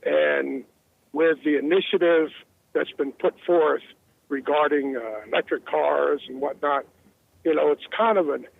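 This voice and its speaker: A man's voice: fairly high pitch, unhurried, vocal fry. A man calling in to a talk show from his car over a Bluetooth phone line, earnest and rambling, repeating words as he goes. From New Jersey. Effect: car Bluetooth phone call. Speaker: caller.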